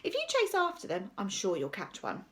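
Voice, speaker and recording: A woman's voice: mid-range voice, wildly swooping pitch, moderate pace. A woman voicing a cheeky, slyly polite schoolgirl in a children's storybook, with exaggerated mock innocence. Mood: slyly teasing. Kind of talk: children's storybook read aloud.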